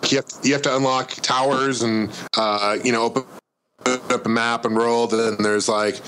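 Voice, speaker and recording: A man's voice: medium pitch, flat delivery, normal speed, a bit bright, poor audio. Man, podcast co-host, casual hesitant gaming chat, light hiss behind. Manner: rambling, hesitant, many fillers.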